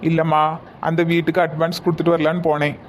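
A steady, unhurried neighbour man speaks low and level in this cartoon, as a woman voices him. His delivery is quick and even, with almost no rise or fall. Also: a little hiss or hum, close to an everyday voice. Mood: kindly. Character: plain-spoken man, a neighbour older brother.

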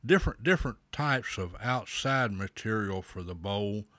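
A man hosting a pipe smoking show, giving slow, folksy advice with a pipe in his mouth. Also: on the low side, expressive, sharp tone, no echo. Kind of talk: casual talk to camera.

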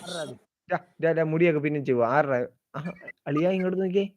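A man's voice: on the high side, quick pace, a little mellow. A man hosting a casual live stream, chatting, teasing and greeting viewers by name as he reads their comments. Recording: dry, slightly dull sound.

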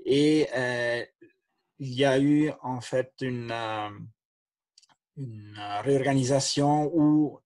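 Hesitant doctor on a video call. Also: male voice, mid-range voice, steady tone, takes it slowly, darkish tone, no room sound. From Italian-speaking Switzerland. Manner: hesitant, many fillers and restarts. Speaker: internal medicine doctor. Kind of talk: panel testimony. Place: attic room at home. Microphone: laptop webcam on a video call.

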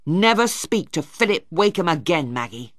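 A woman reading a storybook voicing a stubborn, angry teenage boy with a sharp, demanding manner. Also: lowish voice, very animated, normal speed, dry recording, clean studio sound, pitched above the performer's own voice. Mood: tense.

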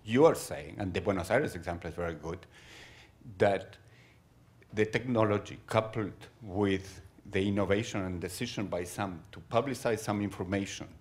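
A man moderating a conference panel, speaking haltingly into a handheld mic while he searches for words. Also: lowish voice.

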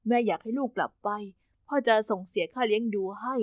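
A woman voices a middle-aged father in an animated story, his voice pitched low and kept soft. He coaxes and reassures, sounding close to the mic in a dry space. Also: fast talker, no room sound, close to an everyday voice. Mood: coaxing. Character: loving then controlling middle-aged father.

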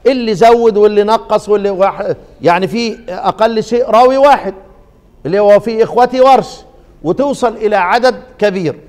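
Egyptian sheikh teaching quran readings, high voice, quizzes the class, drags out quoted verses, long hall echo. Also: male voice, a little mellow. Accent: Egyptian Arabic. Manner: quizzing students with leading questions, drawn-out quoted verses.

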